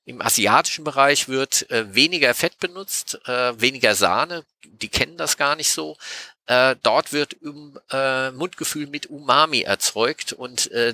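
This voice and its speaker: A man on a podcast explaining taste science in a patient, lecturing way, often pausing with hesitation sounds. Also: medium pitch, bright, forceful tone, no room sound. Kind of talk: casual explanatory podcast talk.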